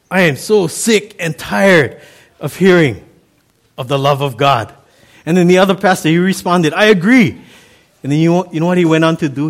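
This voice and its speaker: A middle-aged pastor from Hawaii preaches a sermon in a relaxed, chatty, folksy manner. He has a Hawaiian accent, Pidgin is his first language, and his voice runs on the high side.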